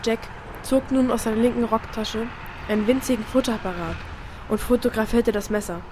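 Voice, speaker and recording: A woman's voice: on the high side, steady tone, fairly quick, noisy background, close to an everyday voice. A woman playing a young girl in a radio play who reads a detective comic aloud dramatically and snaps at interruptions. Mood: reading. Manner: dramatic read-aloud, snappish asides.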